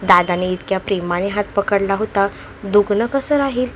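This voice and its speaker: A woman's voice: medium pitch, normal speed, a bit bright, slight background noise, lightly acted. A woman voicing a cheeky young sister-in-law who teases her brother. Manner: teasing.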